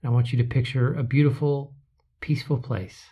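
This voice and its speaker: A guide leading a slow relaxation exercise, with soft drawn-out phrases that trail into whispers. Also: medium pitch, fairly even intonation, slightly rough.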